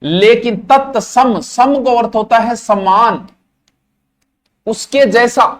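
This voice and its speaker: Folksy high-voiced Rajasthani man teaching. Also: slow pace. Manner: folksy, jokey, switches into Marwari asides. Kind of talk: casual classroom lecture.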